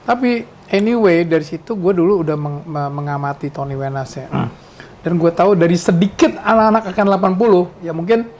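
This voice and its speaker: A man in his sixties from Indonesia hosts a casual podcast chat. He reminisces in a high voice, rambling and restarting, with a faint hiss behind him. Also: darkish tone. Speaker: podcast host.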